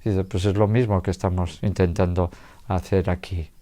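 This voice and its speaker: Speaking at a normal speed in a somewhat low voice, a male doctor delivers a public health lecture to an audience in a lecture room. His tone is relaxed and conversational, and he uses rhetorical questions and checks in with the audience throughout.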